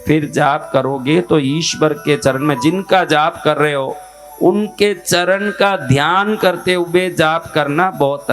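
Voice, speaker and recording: Male spiritual teacher, unhurried lecturing pace, slightly raised pitch, asks the listeners questions and answers them himself. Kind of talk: devotional teaching talk.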